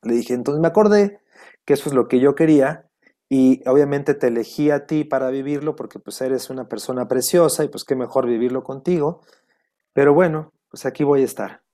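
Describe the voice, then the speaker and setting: A man's voice: medium pitch, a little fast, mellow. A man telling a heartfelt personal story in an interview, reflective and quoting past conversations. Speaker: guest.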